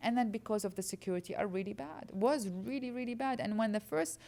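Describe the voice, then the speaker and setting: A woman's voice: on the high side, brisk, gravelly, dark tone. A woman from Iraq, earnestly explaining as a guest speaker answering audience questions at a lecture.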